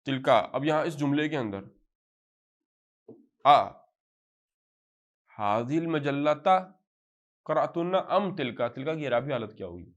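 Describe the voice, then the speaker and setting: A man with a Pakistani accent runs a classroom lesson, pitched in a middle register. He draws out each example phrase slowly, then rushes through the explanation before prompting the students again. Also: animated, lo-fi sound. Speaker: Arabic teacher. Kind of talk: classroom lecture.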